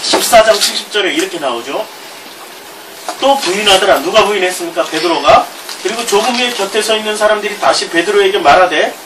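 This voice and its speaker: A middle-aged male pastor with a Gyeongsang Korean accent, preaching a sermon, reading scripture aloud with chuckling asides. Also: high voice. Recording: distant mic with background noise.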